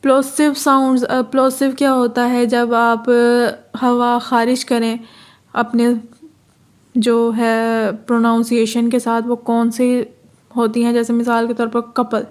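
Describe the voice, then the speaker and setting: A woman's voice: fairly high pitch, monotone, slow pace. A woman with a Pakistani accent teaching a phonetics lesson, repeating key terms, giving examples and correcting herself as she goes. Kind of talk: lecture in Hindi-Urdu, explaining English phonetics.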